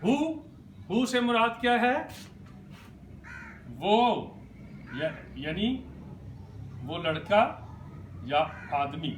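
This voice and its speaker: A man with a high voice teaches at an unhurried pace, repeating every sound patiently and stopping to quiz his listeners. He sounds like a pastor leading a careful classroom lesson. The recording is echoey, with a faint hum of noise behind him. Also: expressive, a bit bright. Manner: patient, repeats each sound several times and quizzes the viewer. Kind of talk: slow classroom explanation.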